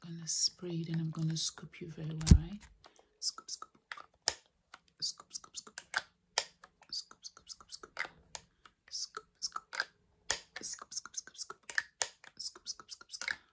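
A woman softly talking and whispering in a breathy voice as an ASMR host. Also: completely flat delivery, takes it slowly, long pauses, heavy background noise. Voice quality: breathy whisper mixed with soft low voice. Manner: soft, repetitive trigger words.

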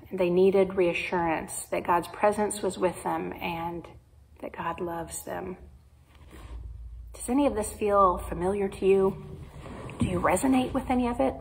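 Slow, measured woman preaching. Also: mid-range voice, creaky, slight background noise, rough recording. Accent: Midwestern American. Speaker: pastor. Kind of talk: sermon. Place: church sanctuary.

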